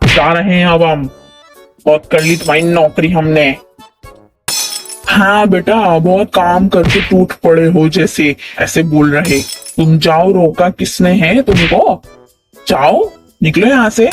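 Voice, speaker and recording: A man voicing a quarrelsome cartoon man who scolds and taunts a coworker, keeps asking if he understood. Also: on the high side. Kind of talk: animated comedy dialogue. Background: background music.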